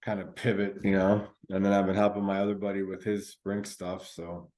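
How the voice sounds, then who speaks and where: A man's voice: sits low, monotone, fairly quick, a little mellow. A man co-hosting a podcast in casual chat, laid-back and rambling with many fillers. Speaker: podcast co-host.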